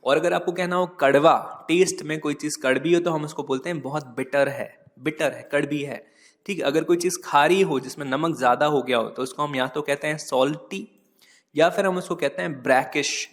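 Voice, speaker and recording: A man with a slightly high voice teaches English words in a relaxed, chatty lesson. He says each word again, spells it letter by letter, and often checks in with an "okay". A long reverb trails behind his voice. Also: normal speed. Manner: repeats and spells words, often adds "ठीक". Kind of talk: casual Hindi vocabulary lesson.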